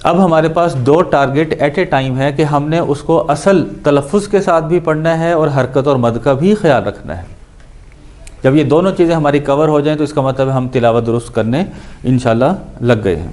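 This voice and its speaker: A man teaching Quran recitation, patiently explaining and repeating syllables slowly to show how each letter sounds, with English words mixed in. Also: on the high side, a little mellow. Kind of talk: explanatory lesson on pronunciation.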